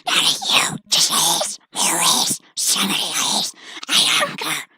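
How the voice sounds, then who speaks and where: A woman's voice: on the low side, wildly swooping pitch, unhurried, pushed and bright, slightly rough, dry recording, heavily acted. A woman voicing a ravenous female bog creature that demands food in wailing, broken speech.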